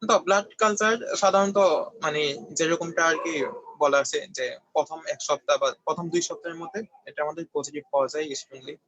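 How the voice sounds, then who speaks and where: Fast, high-voiced young man lecturing. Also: fairly even intonation, a bit bright. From Bangladesh. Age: young adult. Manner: explanatory, frequent check-ins asking if students follow. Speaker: medical student tutor. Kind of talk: online review lecture. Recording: dull, slightly lo-fi dry recording.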